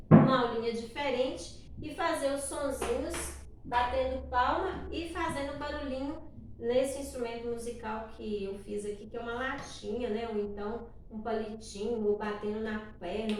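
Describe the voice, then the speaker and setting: A woman's voice: fairly high pitch, darkish tone. A woman teacher with a Brazilian Portuguese accent patiently explaining a classroom activity, often ending phrases with tag questions. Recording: echoey room, distant mic, faint noise.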